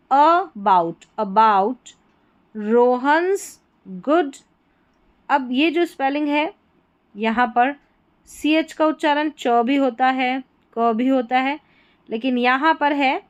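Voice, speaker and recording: Woman, Hindi accent, teacher, high voice, word-by-word reading lesson. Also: highs cut off. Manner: spells out letters and sounds words slowly, repeating them. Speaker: English teacher.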